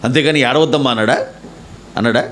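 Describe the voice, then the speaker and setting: A man's voice: mid-range voice, fast talker, a bit bright, slight background noise. A man preaching a sermon as a pastor, asking rhetorical questions and acting out people's prayers. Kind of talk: Telugu sermon. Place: church.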